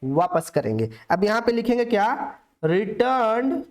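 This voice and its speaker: A man's voice: high voice, sing-song, a little slow, a little mellow. A young man teaching a classroom accounts lecture in Hindi, asking the students questions aloud and answering them himself. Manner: coaxing, talks straight to the students.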